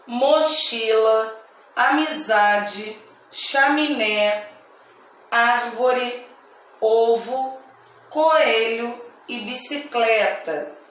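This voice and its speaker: Slow, deliberate Brazilian woman teacher. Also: a little high, fairly bright tone, distant mic. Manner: slow, deliberate, repeats each word, frequent "tá?". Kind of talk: slow Portuguese grammar lesson for children. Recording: echoey room, voice away from mic.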